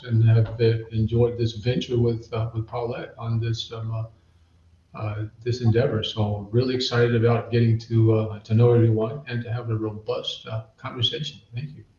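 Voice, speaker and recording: A man's voice: mid-range voice, dark tone. A man from Texas introducing himself as a guest author, good-humored and hesitant. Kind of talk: casual self-introduction. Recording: dull, roomy call audio with faint hiss.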